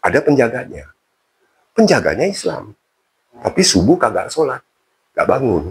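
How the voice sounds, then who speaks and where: A man's voice: medium pitch, big pitch swings, normal speed, gravelly, husky. A man telling his own conversion story in a casual interview, chatty and self-mocking. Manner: chatty, colloquial, self-mocking, many fillers.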